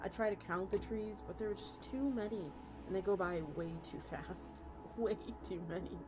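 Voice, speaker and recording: A VTuber streamer with a medium-pitched voice reads a story at a moderate pace, keeping the tone casual and conversational. Background music plays behind her.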